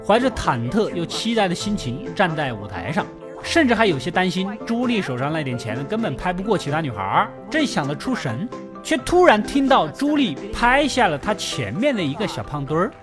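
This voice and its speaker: Lively high-voiced male recap narrator. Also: brisk. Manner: chatty, playful asides to the listener. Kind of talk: storytelling film recap with joking asides. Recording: voice-over over loud film music.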